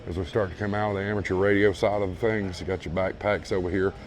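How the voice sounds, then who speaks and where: Talking fast in a low, flat, hoarse voice that's giving out, a vlog host casually narrates his tour of a large indoor store while soft music plays in the background. He films on a handheld phone, keeps it easygoing, and calls viewers folks while repeating his praise.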